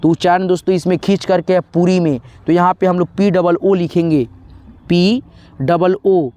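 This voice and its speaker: High-voiced man teaching spelling step by step. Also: little pitch movement, a little fast, dark tone. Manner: patient, repeats letters, addresses viewers as friends. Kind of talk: spelling lesson for beginners.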